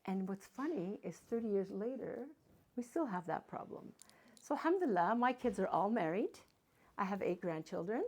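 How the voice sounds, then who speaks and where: Speaking at a normal speed in an animated, mid-range voice with a darkish tone, an older woman from Canada addresses a live audience as a guest speaker. She's a matchmaker, and she tells chatty, casual stories sprinkled with playful asides.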